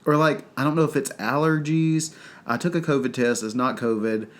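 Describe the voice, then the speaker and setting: A man from North Carolina with a Southern US accent co-hosts a podcast, chatting casually and rambling with lots of fillers. He sounds congested and stuffy-nosed, and speaks at normal speed in a mid-range voice.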